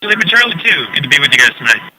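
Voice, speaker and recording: A crew member checking in over a helmet headset radio link from inside a capsule, brisk and to the point. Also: male voice, a little high, big pitch swings, bright, forceful tone, a little hiss or hum, rough recording.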